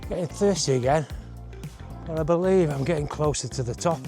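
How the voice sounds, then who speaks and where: Hiking up a forest trail, a travel vlogger and host offers casual walk-and-talk commentary full of wry understatement, sounding out of breath from the climb. He speaks briskly in a fairly high voice over music.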